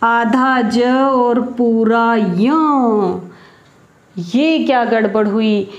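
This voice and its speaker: Slow-speaking woman teacher, echoey room. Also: high-pitched, a little mellow. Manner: slow, patient explaining with questions to pupils. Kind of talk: classroom grammar lesson.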